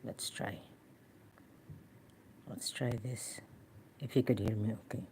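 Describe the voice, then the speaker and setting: A woman's voice: a bass voice, fairly even intonation, slow, dark tone, a little hiss or hum. A chatty, giggly woman, live-streaming casually and talking into a phone held close to her mouth. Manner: giggly, chatty, mixing Tagalog words.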